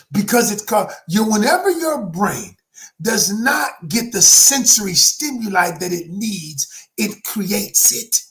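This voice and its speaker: Speaking to viewers as a motivational life coach, this man in his sixties has a high voice and a preachy, emphatic style. He says "y'all" to his audience and moves between hushed tones and shouting.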